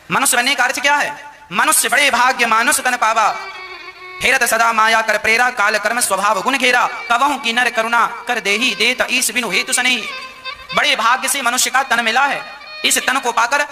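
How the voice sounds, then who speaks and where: A man's voice: extremely high pitch, sharp tone. A man giving a devotional katha sermon, telling stories expressively with acted quotes and much repetition. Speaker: katha preacher. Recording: reverberant hall, faint violin music.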